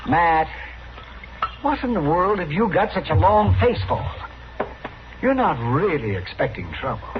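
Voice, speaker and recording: An American actor playing a crusty, excitable town doctor in a radio western, testy, sputtering and easily indignant. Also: male voice, sits high, a little slow. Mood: protesting. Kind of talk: 1950s radio western acting. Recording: muffled old radio recording, noisy hiss.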